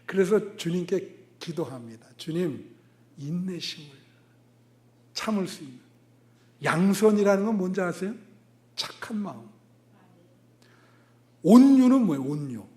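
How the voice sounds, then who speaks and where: Animated high-voiced pastor telling a story. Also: male voice. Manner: lively, animated storytelling with sudden loud bursts and asides to the congregation. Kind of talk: sermon with storytelling.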